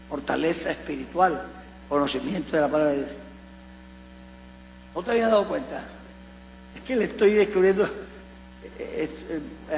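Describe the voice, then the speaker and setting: High gravelly coastal preacher. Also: male voice. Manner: animated storytelling with humorous asides. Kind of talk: conversational sermon teaching. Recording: echoey hall with mains hum.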